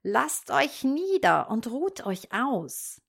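A woman reading a storybook voices a wicked old female witch who snarls and pretends to be friendly, stretching her words slowly. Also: fairly high pitch, sing-song, pitched above the performer's own voice, full character voice. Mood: falsely friendly. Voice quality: snarling, rasping.

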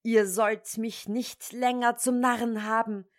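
A woman voicing a hot-tempered old tailor in a fairy tale, scolding his sons at a slow pace. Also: on the high side, flat delivery. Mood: furious. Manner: scolding, shouting in rage. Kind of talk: storybook fairy-tale reading.

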